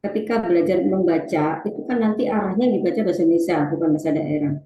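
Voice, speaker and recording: A woman's voice: on the low side, quick pace, warm tone, echoey room, slight background noise, poor audio. A woman presenting an online webinar on teaching reading, talking to the audience and reading out chat replies with many fillers.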